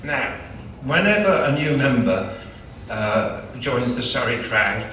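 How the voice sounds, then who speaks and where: A man's voice: mid-range voice, very animated, takes it slowly, a bit bright, a little hiss or hum. A man, a club chairman, gives a chatty, joking after-dinner award speech. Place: large banquet hall. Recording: echoey hall, distant mic.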